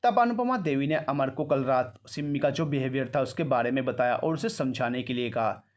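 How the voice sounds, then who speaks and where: A man narrating a scripted story in an even, expository manner. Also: mid-range voice, normal speed.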